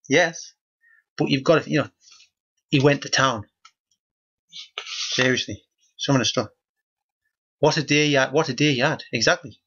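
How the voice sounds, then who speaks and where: A man with a husky voice reads a children's picture book aloud and keeps stopping for deadpan, mock-outraged commentary. His pitch sits in a middle register. The sound is dull and lo-fi. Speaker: host reading a children's book. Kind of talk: comic book reading with running commentary.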